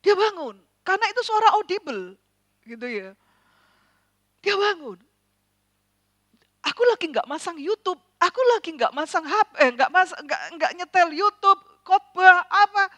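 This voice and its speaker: Woman preacher, high voice, sharp bright tone, dry sound, hushed to loud storytelling. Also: very animated, normal speed, long pauses, dry recording. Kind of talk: sermon storytelling. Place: church.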